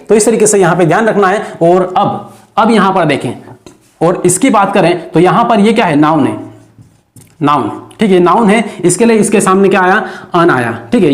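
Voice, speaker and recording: A grammar teacher talks through an exam-prep lesson in a roomy, echoing space. The pitch sits in the middle range. Each point comes as a question to the class, then the teacher answers it and repeats the key word. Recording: echoey room.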